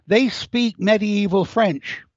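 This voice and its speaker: A man's voice: sits high, slow, a little mellow, dry recording. An older English-born man with a North American accent, explaining things at length as an interview guest. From England. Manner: lecturing, digressive storyteller. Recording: dull lo-fi audio.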